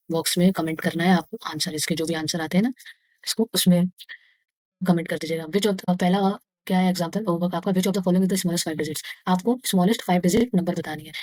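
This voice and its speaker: A woman with an Indian accent teaching maths to young pupils. She reads English textbook lines slowly, then explains them again and counts aloud step by step. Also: lowish voice, darkish tone, no echo. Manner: slow, deliberate reading of English textbook lines; explains each line again in Hindi. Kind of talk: casual lesson for young pupils.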